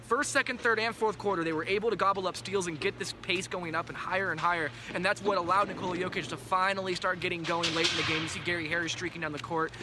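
Young man, emphatic, quick-talking, high voice, courtside analysis, noisy background. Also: fairly even intonation. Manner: emphatic, enthusiastic talk. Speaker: sports reporter co-host. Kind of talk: postgame basketball analysis. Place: empty indoor basketball arena, courtside.

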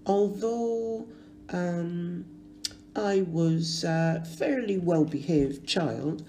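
A woman in her sixties from Barbados, reading a funeral tribute in a slow, measured, fond way in a church. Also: low-pitched, mellow, slight background noise. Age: 60s. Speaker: eulogist.

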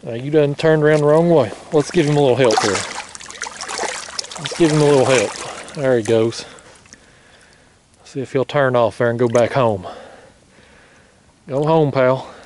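A young fishing vlogger with a Southern American accent chats folksily to viewers while fishing from a riverbank at night, calling them "y'all" and chuckling often. His medium-pitched voice is a little slow with long pauses, recorded by an action camera on the bank against a noisy background.

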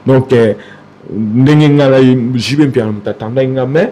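A man talking as a guest in an interview. He gets animated, repeats himself and trails off. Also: medium pitch, unhurried. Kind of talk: casual interview talk.

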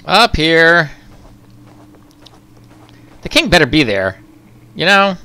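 A man's voice: a little high, big pitch swings, slow pace, bright, forceful tone. A man hosting a let's-play, musing casually to himself as he plays. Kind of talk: casual game commentary.

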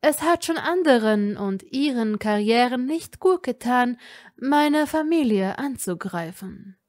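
A woman voicing a cold aristocratic father who speaks calmly and measuredly, with quiet threat. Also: fairly high pitch. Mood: cool. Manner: calm, measured, coolly threatening. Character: cold aristocratic older father, calm and controlled.

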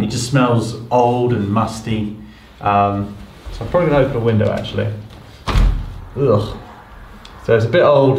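A man in his thirties from the UK talks his way through a bare, empty house in a relaxed, thinking-aloud manner, filling his pauses with ums. The hard rooms ring with echo, and the camera mic sits a step or two away from him. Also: mid-range voice, a little hiss or hum. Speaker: property renovator. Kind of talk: casual walkthrough vlog. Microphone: camera mic at a distance. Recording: echoey empty rooms, slightly distant mic.

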